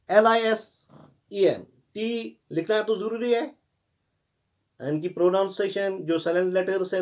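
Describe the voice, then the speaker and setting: An English teacher with a high-sitting, slightly mellow voice gives a classroom pronunciation lesson in Hindi, spelling words out letter by letter and correcting common mistakes. The recording's highs are cut off.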